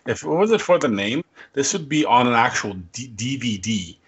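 A man's voice: mid-range voice, animated, moderate pace, breathy edge, muffled recording. A man co-hosting a casual podcast, blunt and sarcastic, swearing casually. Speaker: podcast co-host. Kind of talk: casual chat.

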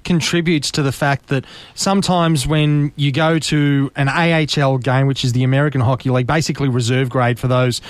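A man's voice: medium pitch, steady tone, a little fast, few pauses, no room sound. An Australian man hosting a conversational sports interview, asking long, wordy questions. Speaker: sports show host.

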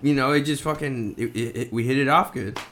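A man's voice: mid-range voice, brisk, over a noisy crowd. A man playing guitar in a band, chatting casually, joking and swearing freely. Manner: laughs a lot, swears freely, jokey. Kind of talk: casual interview chat. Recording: noisy recording.

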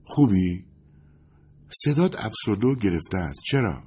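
A man with a husky voice voicing an anxious male agent who presses with worried questions on the phone. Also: lowish voice, very animated, mellow.

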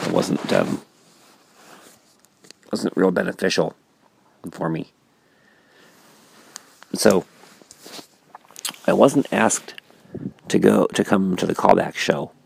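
A man's voice: deep voice, animated, slow pace, gravelly, long pauses, a little hiss or hum. A man, a stand-up comedian, talking casually to camera early in the morning, sleepy and yawning, rambling and reflecting on his night with lots of fillers and restarts. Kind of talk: casual vlog monologue.

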